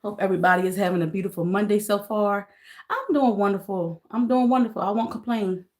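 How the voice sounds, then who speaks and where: A middle-aged woman hosting a casual live stream from her phone. She greets viewers one by one, says "y'all" often and repeats herself as she talks. She speaks earnestly about loss, at a medium pitch. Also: brisk. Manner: greets viewers by name, repeats phrases, warm Southern-style "y'all"; earnest, emotional talk about grief. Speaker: livestream host.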